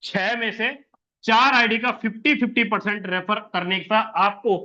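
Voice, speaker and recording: A man's voice: high-pitched, unhurried, bright, forceful tone, dull audio. A man presenting a plan, walking through a diagram step by step, repeating points and asking and answering his own questions. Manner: repetitive, asks and answers own questions, says "sir". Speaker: presenter explaining an income plan. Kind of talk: explanatory walkthrough of a diagram.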